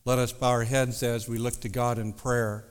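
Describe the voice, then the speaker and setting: A male pastor delivers a sermon with long reverb from a big hall. His voice is clear and resonant, at a middle pitch. He speaks in a measured, deliberate way and leans on key phrases. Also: level tone. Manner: measured, deliberate, emphatic repetition. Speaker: pastor preaching. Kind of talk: sermon with scripture reading and prayer. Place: large church or hall during a service.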